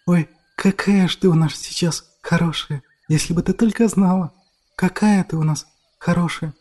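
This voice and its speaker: A man doing an excited little girl. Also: sits high, normal speed, pitched above the performer's own voice. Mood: affectionate. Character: young girl, cheerful and affectionate.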